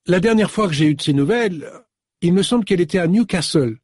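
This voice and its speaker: An obliging young woman, as a man voices her in a storybook, helpful and forthcoming. The voice is lifted high with an animated swing and a dry, close sound. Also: fast talker, dry recording. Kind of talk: audiobook character voice.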